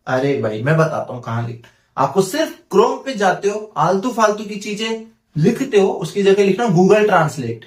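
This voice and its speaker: A man teaching an English lesson in a lively, teasing way, asking and answering his own questions. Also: high voice. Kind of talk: classroom lesson. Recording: echoey room, mic far off.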